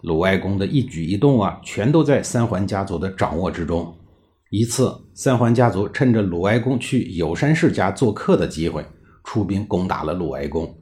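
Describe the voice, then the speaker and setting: A man tells history in a low, dark voice with a chatty, colloquial flow. His pitch moves a lot, rising and falling from phrase to phrase. Warm, drawn-out particles keep the telling relaxed. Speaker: history podcast narrator. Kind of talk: storytelling narration.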